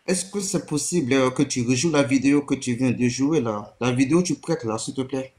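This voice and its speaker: Un homme qui intervient dans un débat en direct en ligne, au haut-parleur, faible et lointain, hésitant et plein de reprises. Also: male voice, mid-range voice, brisk, a little mellow. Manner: hesitant, many restarts and stammers. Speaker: guest joining a live stream. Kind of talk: live online debate.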